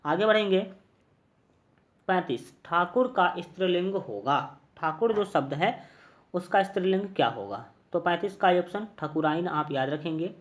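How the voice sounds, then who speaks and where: A man with a Bihari Hindi accent teaching an exam-prep lesson, going through multiple-choice questions one by one, repeating each answer and filling pauses with hesitations. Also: high-pitched, animated. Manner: repetitive, drills answers, many fillers.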